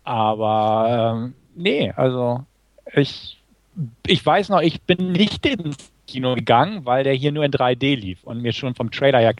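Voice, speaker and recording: A man co-hosting a casual film review chat, relaxed and conversational. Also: mid-range voice, unhurried, dry recording. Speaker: film podcast co-host.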